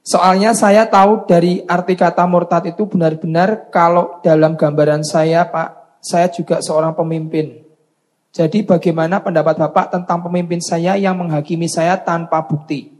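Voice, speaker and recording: A man's voice: fairly high pitch, little pitch movement, moderate pace, a little mellow. A man from the audience asking a question in a hesitant way, restarting his words.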